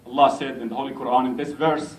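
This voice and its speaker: A man from Egypt, an imam giving an unhurried, gently self-mocking speech to a community gathering in a large hall. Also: mid-range voice, steady tone, a little hiss or hum. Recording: echoey hall, mic at a distance.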